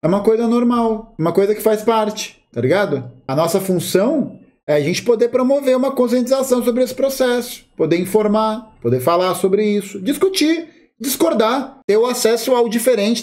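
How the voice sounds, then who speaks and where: A man from São Paulo with a Paulista accent, co-hosting a podcast and talking in a casual, slangy, animated way. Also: sits high, normal speed. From São Paulo, Brazil. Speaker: podcast co-host. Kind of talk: casual discussion.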